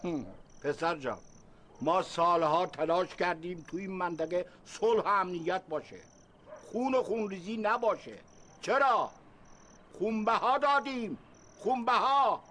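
An actor playing a stern older village elder who lectures the young men, in a radio drama. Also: male voice, sits high, bright, forceful tone, slight background noise. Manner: lecturing, calls others "son". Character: stern old village elder, anxious about war.

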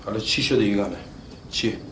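A man's voice: fairly low pitch, natural voice. An actor playing a defensive young man dodging blame in a film drama. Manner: evasive, defensive. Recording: roomy film sound with background noise.

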